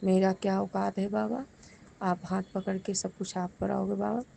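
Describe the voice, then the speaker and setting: Addressing the congregation directly, a woman gives a devotional testimony and fervently thanks her guru again and again. Her medium-pitched voice is gravelly and dark, with a level tone and normal speed, over slight background noise.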